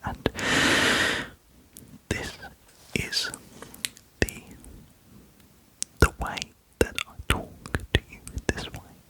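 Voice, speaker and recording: A man whispering softly into a close binaural microphone, musing aloud and asking the listener rhetorical questions. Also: very slow, pauses often. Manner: very soft whisper, sometimes barely audible. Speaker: ASMR creator. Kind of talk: ASMR whispering.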